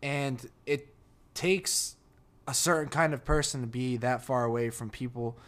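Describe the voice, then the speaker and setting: A man's voice: medium pitch, level tone, measured pace, a bit bright. A man in his twenties with a New Jersey accent, chatting candidly at a table at home and swearing freely. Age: 20s. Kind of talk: casual chat. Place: table in a shared house.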